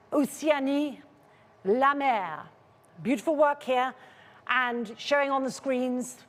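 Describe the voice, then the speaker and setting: In a large, echoing room, a woman with a fairly high voice conducts a live auction. She calls out and repeats bid amounts with polite, controlled insistence, keeping the sale firmly in hand.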